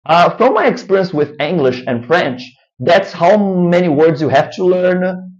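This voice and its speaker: A man with a Brazilian Portuguese accent vlogs about language learning, talking casually to camera, rambling and tacking "right?" onto his sentences again and again. His voice is high-pitched with lively intonation and a slightly slow pace, and the sound is lo-fi.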